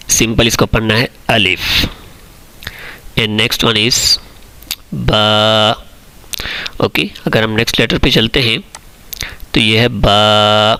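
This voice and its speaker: A man teaching the Quranic alphabet online, reciting each letter slowly and patiently and explaining it in Urdu mixed with English words. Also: medium pitch, bright, forceful tone.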